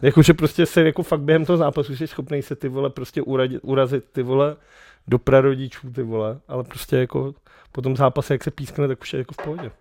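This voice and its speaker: A man's voice: medium pitch, fairly even intonation, darkish tone, dry recording, studio quality. A man co-hosting a casual chat show, bantering, telling anecdotes and swearing often. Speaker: podcast co-host.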